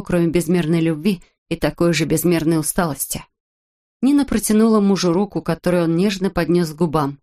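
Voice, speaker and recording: A woman reads an audiobook in a measured, steady manner. Her voice sits somewhat low for a woman. The delivery stays even and unhurried. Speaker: narrator. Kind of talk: audiobook narration.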